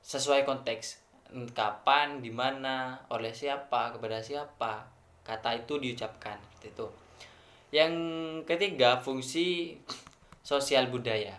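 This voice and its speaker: A man's voice: medium pitch, a bit bright, echoey room. A man with an Indonesian accent giving an academic presentation as a student, explaining step by step with frequent hesitations. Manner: measured, explains step by step with many fillers.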